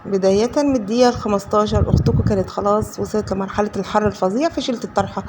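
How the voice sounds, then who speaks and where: A woman's voice: mid-range voice, racing, noisy background. A woman with an Egyptian accent chatting casually while cooking at home, rambling and self-deprecating, with frequent prayers. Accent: Egyptian Arabic. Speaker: vlogger, housewife. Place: home kitchen.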